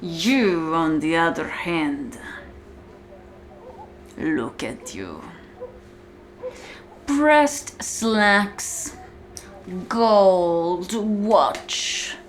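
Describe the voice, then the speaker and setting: A woman voices a cold, domineering female warden in an ASMR roleplay, addressing the listener with deliberate condescension and hushed, whispery dips. Her voice is lowish and her tone mocking. A little hiss or hum can be heard.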